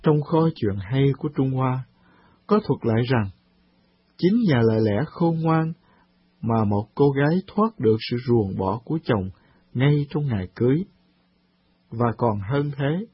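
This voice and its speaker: A man presenting a scripted radio talk programme, reading in a calm, measured way. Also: medium pitch, slightly rough, no room sound. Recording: dull lo-fi radio recording.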